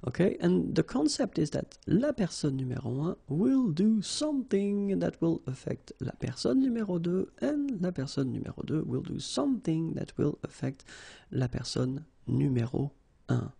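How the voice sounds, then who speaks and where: A man's voice: a little high, big pitch swings, moderate pace, creaky, dark tone, husky. A man with a French accent and French as his first language, teaching a grammar lesson in a patient, explanatory way. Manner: patient, explanatory, says "okay" often.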